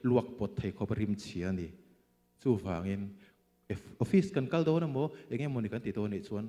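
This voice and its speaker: A man preaching a sermon, emphatic, swinging between loud bursts and quiet asides. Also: on the low side, animated, a little fast, in a large hall.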